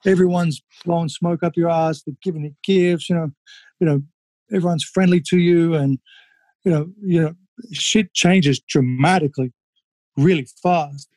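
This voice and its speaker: Aussie ex-kickboxer telling fight stories, bit high for a guy, swears a lot, dry close sound. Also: steady tone, normal speed, a little mellow, no echo. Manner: candid, swears freely, many fillers. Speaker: guest, former kickboxer. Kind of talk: casual interview storytelling.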